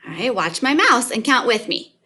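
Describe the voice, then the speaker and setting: A woman's voice: fairly high pitch, very animated, normal speed, pushed and bright. A woman teaching kindergarten math in a sing-song kids show host manner, speaking directly to children and counting along.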